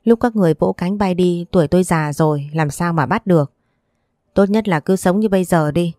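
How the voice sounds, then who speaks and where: A woman narrating a family drama story in a steady, even reading voice, speaking every character's lines. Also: lowish voice, fairly quick, dry recording, studio quality.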